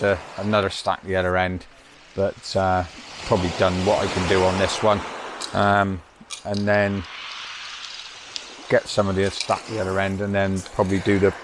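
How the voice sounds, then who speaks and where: Man from the UK, very deep voice, rambling photography vlog on the coast, faint outdoor hiss. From United Kingdom. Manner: rambling, halting with fillers. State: out of breath. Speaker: landscape photographer. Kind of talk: casual vlog narration. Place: outdoors on a beach and coastal cliffs.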